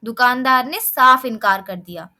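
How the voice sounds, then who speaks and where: A woman narrates a children's story in an expressive, lively way. Her voice sits high and sounds bright and forceful. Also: normal speed.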